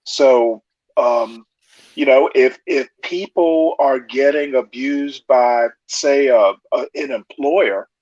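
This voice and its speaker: Man on earbuds, muffled fishbowl sound, slow measured speech, dull lo-fi and dry. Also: mid-range voice, a little mellow, dry recording. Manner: measured, lecturing, hesitant. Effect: muffled sound, as if inside a fishbowl. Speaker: caller joining a live talk show. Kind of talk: casual call-in discussion. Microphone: earbuds microphone.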